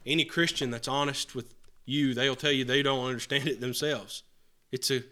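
A man preaching a sermon to a congregation. He talks earnestly, repeats and restarts phrases, and swings between loud and soft. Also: mid-range voice, fairly even intonation, normal speed. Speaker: pastor. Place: church hall with a congregation answering.

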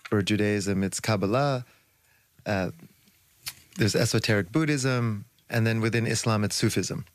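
A man's voice: lowish voice, no room sound. A male radio guest explaining ideas fluently and at length, with occasional fillers. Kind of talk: radio interview.

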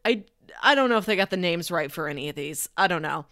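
A woman with a lowish, fairly bright voice co-hosts a podcast, talking fast with lively intonation in studio-quality audio without echo. She chats casually and tells stories conversationally, quoting dialogue and using "like" often.

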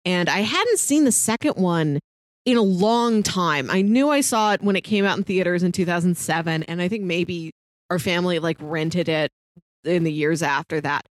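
A podcast co-host talks through films in a casual, thoughtful, conversational way. Her voice is on the low side and animated, moving at normal speed, and the recording is studio quality without echo.

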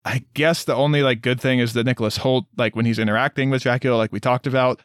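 Male co-host, quick and opinionated, casual movie chat in a dry close recording. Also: medium pitch, steady tone, clear, resonant tone, no room sound. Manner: opinionated, blunt. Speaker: podcast co-host. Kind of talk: casual film review chat.

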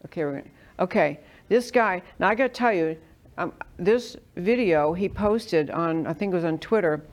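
A woman from New York with a fairly low voice, hosting an interview. She talks conversationally and at length, offering her own opinions as she sets up questions. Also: moderate pace, highs cut off. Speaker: interview host.

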